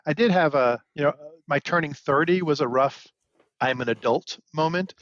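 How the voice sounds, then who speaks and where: A man's voice: on the high side, moderate pace, fairly bright tone, no room sound. Man, 40s, podcast co-host, casual chat, joking asides, dull dry recording.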